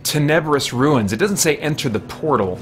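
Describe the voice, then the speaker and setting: A slightly rough, slightly high voice with lively intonation belongs to a man in his forties hosting a casual gameplay stream at normal speed. With game music in the background, he jokes with viewers and his characters and talks to himself.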